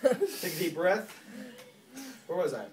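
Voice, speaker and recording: A man's voice: sits high, sing-song, slow pace, a little hiss or hum. A young man telling a rambling, funny story to friends, laughing through his words and putting on other people's voices. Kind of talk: casual story told to friends. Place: room with a group of friends. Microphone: phone recording from across the room. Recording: roomy, distant phone recording with loud crowd. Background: friends laughing and talking.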